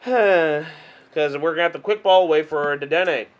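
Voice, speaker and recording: Male card game host, high voice, casual exasperated play-by-play with self-deprecating laughs. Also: normal speed, muffled recording. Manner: chatty, exasperated, self-mocking; hums and sighs, laughs at himself. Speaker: gaming video host.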